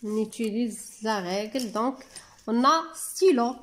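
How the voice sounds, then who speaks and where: A woman teaching a children's French lesson, slowly sounding out and repeating words syllable by syllable. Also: fairly high pitch, expressive, a little hiss or hum. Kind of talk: slow French lesson for young children, explained in Arabic.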